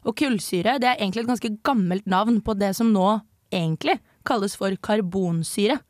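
A woman's voice: mid-range voice, a little mellow, no echo. A young woman from Norway co-hosting a student radio talk show in a studio, explaining things in a chatty way with hesitations and self-corrections. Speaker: co-host presenting research. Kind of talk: casual radio chat.

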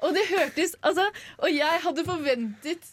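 A woman's voice: high voice, dry recording. Female radio co-host, giggly and rambling, dry studio sound. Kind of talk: casual radio chat.

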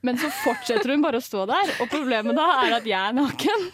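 A woman's voice: sits high, very animated, background noise. A young woman co-hosting a radio show, chatting and telling a funny story with lots of laughing and English phrases mixed in. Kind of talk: casual chat and storytelling. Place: radio studio.

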